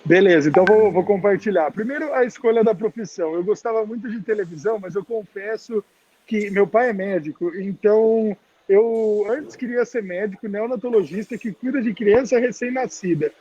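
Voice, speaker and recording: A high-voiced man speaks informally through a face mask. His voice is husky and muffled, and the video call sounds dull. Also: normal speed, darkish tone, no echo. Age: around 30. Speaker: guest speaker, TV journalist. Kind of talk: informal career talk to students. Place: public place, on a video call.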